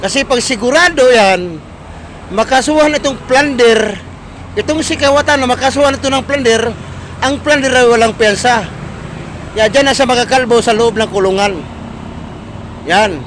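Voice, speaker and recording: A Filipino man delivers a ranting political commentary in an unusually high voice. He hammers listeners with repeated, accusing rhetorical questions. Faint traffic noise sits behind him. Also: moderate pace, pauses often, a bit bright.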